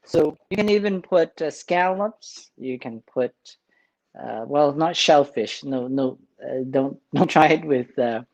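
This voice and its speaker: Man, priest, very slow pace, chuckles a lot, lots of uh and um pauses, casual cooking demo. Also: on the high side, gravelly, darkish tone, poor audio. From Vietnam. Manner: unhurried, chuckling, many filler pauses.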